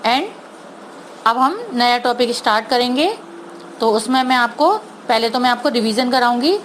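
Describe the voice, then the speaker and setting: A woman teacher giving an online Hindi lesson to young children, sounding out words slowly and patiently, mixing English words into her Hindi. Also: a little high, animated, a bit bright, slight background noise, poor audio. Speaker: primary school teacher.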